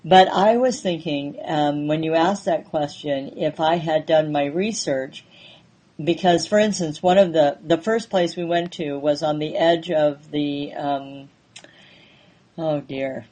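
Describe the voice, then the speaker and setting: A woman hosting a conversational interview, speaking hesitantly with frequent pauses and fillers. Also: deep voice, warm tone. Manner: hesitant, many ums and pauses.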